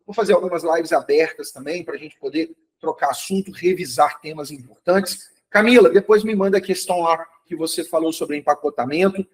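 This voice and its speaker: A fairly high, slightly rough male voice, captured in a low-quality recording. The live online chemistry review he gives is cheerful and supportive, with students named directly and frequent checks on whether they're following.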